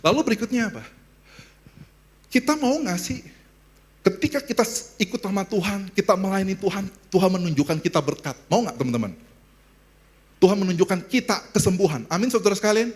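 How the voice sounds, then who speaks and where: A male pastor delivers a sermon to a church congregation in a fairly high voice. He talks in an animated way, often throwing questions to the room and pulling the crowd into call-and-response. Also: a little fast, long pauses. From Indonesia.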